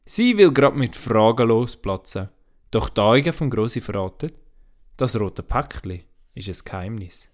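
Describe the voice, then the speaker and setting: A man reading a children's story aloud in an expressive storybook lilt. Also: lowish voice, a little slow.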